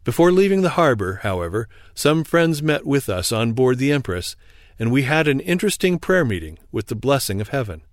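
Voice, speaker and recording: A man calmly reading an old first-person sea memoir aloud in a measured, formal manner. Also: mid-range voice, no echo, clean studio sound. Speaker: audiobook reader. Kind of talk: scripted narration of a memoir.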